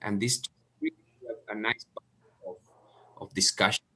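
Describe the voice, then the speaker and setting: A man from Chile hosts an online seminar in a halting manner, with audio cutting out and uneven volume on a close headset mic. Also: lowish voice, fairly even intonation, bright, forceful tone. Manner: halting, restarts words often. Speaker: seminar host. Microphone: headset mic close to the mouth.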